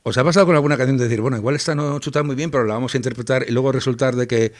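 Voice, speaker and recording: A man's voice: medium pitch, very fast, dry recording. A man, hosting a radio interview in a chatty way with lots of backchannel. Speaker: radio host.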